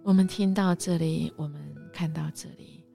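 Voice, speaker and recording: A woman with a low, gravelly voice leads a devotional Bible storytelling segment. Her telling is animated, and she often sinks into hushed half-whispers. Soft music plays faintly behind her. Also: moderate pace. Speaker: devotional podcast host.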